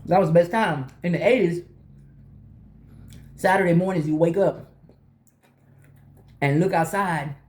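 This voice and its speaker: A middle-aged woman chatting casually to viewers while eating, telling stories in an animated way and acting out conversations. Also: deep voice. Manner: talking while eating breakfast. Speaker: vlogger.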